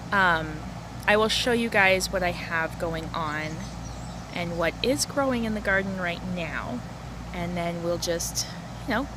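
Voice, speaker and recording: A woman chatting casually and informally to camera outdoors, rambling a little as she hosts a home gardening vlog. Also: medium pitch. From lives in the Arizona desert, US. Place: outdoors in a backyard garden and porch. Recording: noisy outdoor recording with ambient sounds. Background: rooster crowing, chickens, outdoor ambience.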